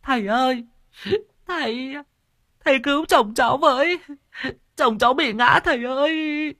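A man's voice: very high-pitched, unhurried, bright, forceful tone, no room sound, clean studio sound, voice pushed up, heavily acted. A man voicing a frantic young village wife who wails and curses in tears, in an audiobook story. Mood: desperate wailing. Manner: shrieking, tearful, cursing.

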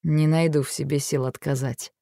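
A woman voicing an intense male warrior lover in an audiobook, speaking in a low, even manner. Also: moderate pace, vocal fry, no echo, studio quality.

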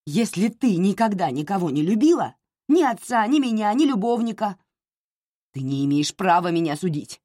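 A woman's voice: mid-range voice, very animated, moderate pace, dark tone, no echo, studio quality, pitched above the performer's own voice. A woman voicing a lovesick woman who defends her feelings in a defiant, pleading way.

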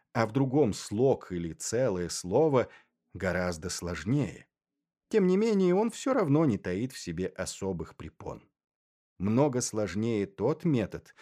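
Man narrating in a measured, dry tone. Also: on the low side, mellow. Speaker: audiobook narrator. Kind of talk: first-person literary narration.

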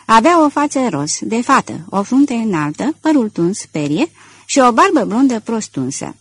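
A woman narrating an audiobook in a measured storytelling manner. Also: on the high side, sing-song, husky, dry recording. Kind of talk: scripted narration.

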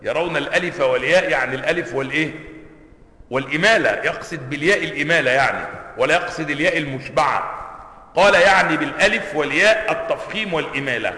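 A man's voice: a little high, bright, forceful tone. An Egyptian man, a sheikh teaching Quranic sciences, who explains points, asks his class questions and repeats words to show how they are pronounced. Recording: echoey hall, long reverb.

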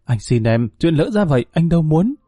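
A man's voice: fairly high pitch, big pitch swings, brisk, dark tone, husky, no echo. A man voicing a restrained young man who pleads and holds back his anger. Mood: pleading. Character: young man, patient but pushed too far.

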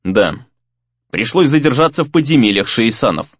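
A man voicing Rei, a calm young spell-caster. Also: mid-range voice, moderate pace, husky, no room sound, lo-fi sound. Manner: calm and reassuring.

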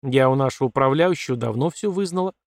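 A man voicing a bold, quick-tongued young woman, a colonel's daughter, in a defiant, mocking manner in a dry recording. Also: mid-range voice, gravelly, no room sound, natural voice. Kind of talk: audiobook character voice.

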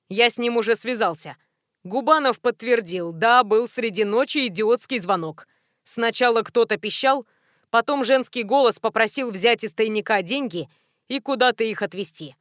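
A woman reading the part of a businesslike man reporting findings in a crisp, precise way. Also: fairly high pitch, no room sound, clean studio sound, natural voice. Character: businesslike male security officer, calm and precise.

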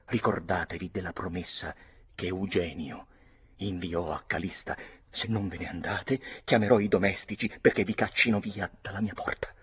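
A man voicing a melodramatic noblewoman widow, pleading in a high falsetto. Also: fairly even intonation, moderate pace, breathy edge. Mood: indignant.

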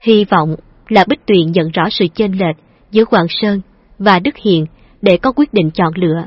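A woman reading an audiobook novel in a calm, even narration. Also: mid-range voice, a little slow, slightly rough, no echo. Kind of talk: storybook narration. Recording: dull lo-fi dry recording.

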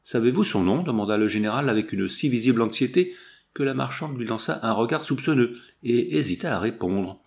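A man narrating a classic novel as an audiobook, with slow, measured phrasing. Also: mid-range voice, creaky.

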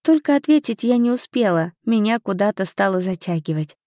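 A woman narrating a first-person fantasy audiobook with an expressive, emotional reading. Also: medium pitch, fairly quick, no room sound, clean studio sound.

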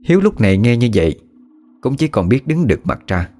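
A man narrating a scripted ghost story with a dramatic, hushed suspense. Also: medium pitch, big pitch swings, normal speed. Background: faint music.

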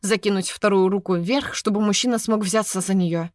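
A woman narrates a first-person novel in a steady, expressive way. Her voice is mid-pitched and recorded close and dry, with no room sound. She keeps an even storytelling pace. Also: normal speed, no room sound. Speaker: audiobook narrator.

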